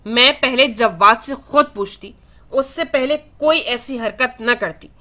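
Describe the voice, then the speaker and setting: A woman voicing Mehr, a caring young woman who gently reasons with her friend, in a read-aloud novel. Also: on the high side. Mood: advising.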